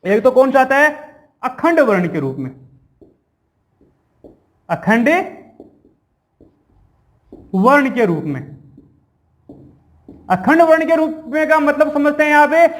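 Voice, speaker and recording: A man's voice: very high-pitched, expressive, fairly quick. A man teaching an exam-prep grammar lesson, asking questions and answering them himself and repeating key terms.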